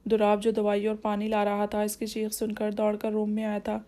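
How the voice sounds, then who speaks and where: A woman narrating a romantic novel in a steady, even reading. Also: mid-range voice. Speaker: audiobook narrator.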